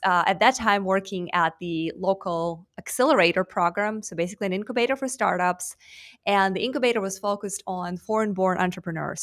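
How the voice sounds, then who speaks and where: A woman's voice: mid-range voice, a bit bright. Chatty Russian-born woman guest. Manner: chatty, fluent with frequent fillers. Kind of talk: online interview.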